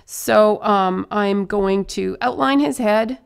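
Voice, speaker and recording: A young woman chatting her way through a face painting tutorial, upbeat and a little hoarse. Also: mid-range voice, slow pace. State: slightly hoarse.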